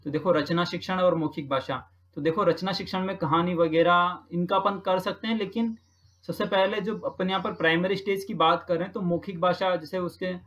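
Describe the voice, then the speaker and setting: A man's voice: high voice, fairly even intonation, moderate pace, fairly bright tone. Man explaining exam answers, lo-fi. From Rajasthan, India. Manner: patient, repeats answers, frequent check-ins with "ठीक है". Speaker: teacher solving a practice exam.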